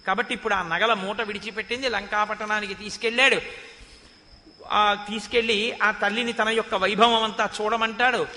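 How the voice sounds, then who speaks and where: A man's voice: sits high, little pitch movement, fairly quick, bright, forceful tone. A male preacher giving a devotional discourse on an epic, chanting verses and then explaining them. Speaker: religious discourse speaker. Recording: long hall reverb.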